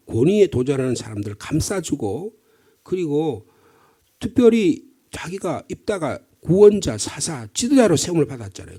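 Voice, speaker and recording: His voice is fairly high, dark and a bit rough: a middle-aged male pastor from Gyeongsang, Korea, speaking with the local accent. The early-morning sermon unfolds like a conversation, full of storytelling and rhetorical questions.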